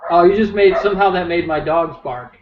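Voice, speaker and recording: A man's voice: high-pitched, a little fast. A man co-hosting a casual podcast, joking and swearing as he rambles. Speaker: podcast co-host. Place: home room, dogs nearby. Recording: roomy, dull lo-fi podcast audio with faint noise.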